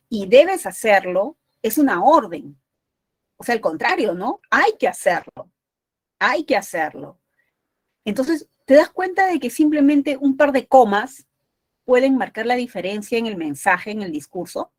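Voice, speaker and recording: A woman's voice: medium pitch, no echo. A woman teaching a university entrance exam prep class, explaining patiently and often checking in with short tag questions.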